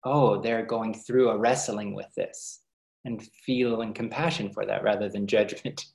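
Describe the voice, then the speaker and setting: A man giving a reflective spiritual talk to workshop participants, speaking in a gentle, unhurried, earnest way. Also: lowish voice, fairly even intonation, gravelly. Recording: roomy echoey sound.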